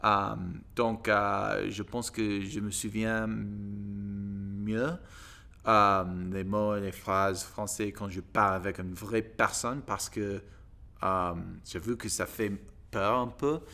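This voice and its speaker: A man from the United States with an American accent, a native English speaker, talking casually as a learner in halting, broken French with searching pauses and grammar slips. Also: on the low side, level tone, bright, forceful tone. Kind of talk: casual monologue to camera in a second language.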